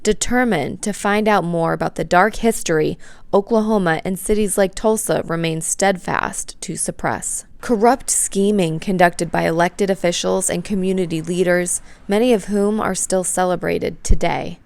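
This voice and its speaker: A woman's voice: fairly low pitch, fairly even intonation, normal speed, creaky. A woman reading scripted narration for a news documentary as the reporter.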